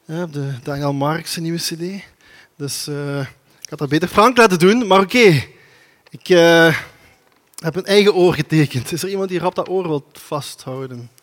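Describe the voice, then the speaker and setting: A man preaching a lively sermon, acting out the scenes as he tells them. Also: on the high side, normal speed. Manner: animated storytelling, acting out the scenes.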